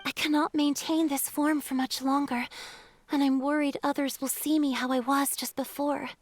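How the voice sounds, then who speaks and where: A woman voicing a gentle, shy water spirit in a video game, speaking softly and hesitantly. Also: sits high, flat delivery, normal speed, no echo, natural voice. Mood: resolved. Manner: soft, hesitant, breathy at times.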